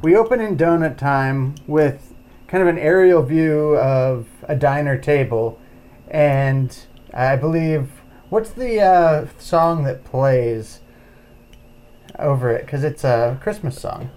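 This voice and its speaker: A man's voice: on the high side, takes it slowly, darkish tone. Playful podcast man, swinging volume. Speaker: podcast co-host. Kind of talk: casual film review chat.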